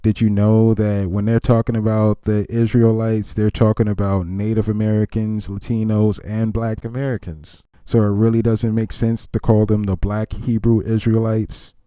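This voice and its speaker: A man hosting a reaction commentary in a deep, mellow, smooth voice. He explains things calmly and evenly, and he sounds dry and close to the mic. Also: dry recording. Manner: calm, measured, explaining. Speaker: commentary channel host.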